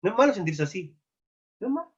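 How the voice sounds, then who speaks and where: Earnest Chilean preacher, husky voice. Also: male voice, sits high, sing-song, fast talker, darkish tone. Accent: Chilean Spanish. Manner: earnest, asks many searching questions. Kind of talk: sermon. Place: live virtual church meeting. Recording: dull lo-fi online meeting audio.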